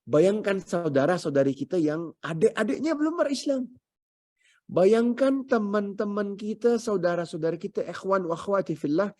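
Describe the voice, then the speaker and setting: A man's voice: sits high, mellow, dry recording, clean studio sound. A man preaching a sermon, emphatic and repetitive, slipping English phrases into his talk.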